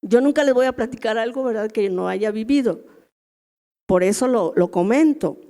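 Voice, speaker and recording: A woman's voice: a little high, normal speed, warm tone. A middle-aged woman with a Mexican accent teaching a women's church meeting in a chatty way, often asking the listeners questions. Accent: Mexican Spanish. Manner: chatty, asks the audience rhetorical questions.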